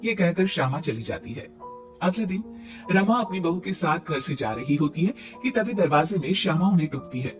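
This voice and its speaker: A man narrating a scripted cartoon story in a plain, steady way. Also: fairly high pitch, normal speed. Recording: distant mic, faint music.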